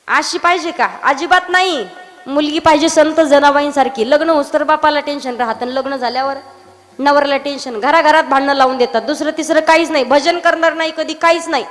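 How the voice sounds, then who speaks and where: A woman from Maharashtra, preaching a kirtan sermon and teasing her listeners with acted dialogue and loud outbursts. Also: sits high, steady tone, fairly quick. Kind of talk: Marathi kirtan sermon with sung verses. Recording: reverberant hall.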